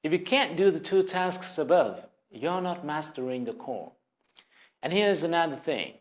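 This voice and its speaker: Speaking at a measured pace, a man with a fairly high, animated voice presents a scripted English lesson. He is a native Vietnamese speaker with a Vietnamese accent, and he addresses viewers earnestly and encouragingly.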